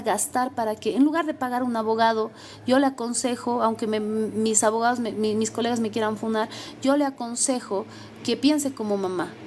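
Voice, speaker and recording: A woman's voice: a little high, darkish tone, slight background noise. A young adult woman lawyer, giving emphatic, repetitive advice. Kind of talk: advice talk.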